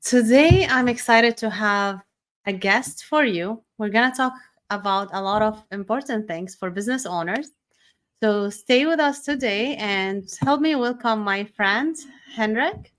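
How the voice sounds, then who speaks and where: A woman's voice: fairly high pitch, a little slow, fairly bright tone. A woman hosting a podcast, upbeat and chatty, laughing easily with her guest. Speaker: podcast host. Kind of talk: casual interview conversation.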